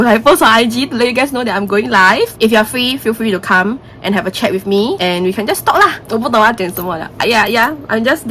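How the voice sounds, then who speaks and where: A woman's voice: mid-range voice, a bit bright. Singlish-speaking young woman over noticeable background noise. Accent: Singaporean. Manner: Singlish phrasing with lah and hor, switching between English and Mandarin. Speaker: vlogger. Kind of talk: casual chatty vlog.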